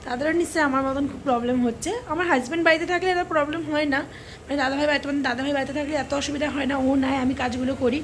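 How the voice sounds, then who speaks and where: Chatty high-voiced young mother vlogging. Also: fairly even intonation, rapid-fire, a little hiss or hum. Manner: chatty, addresses viewers directly; drops to a hushed voice while baby sleeps. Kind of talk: casual home vlog chat. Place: family home by a river.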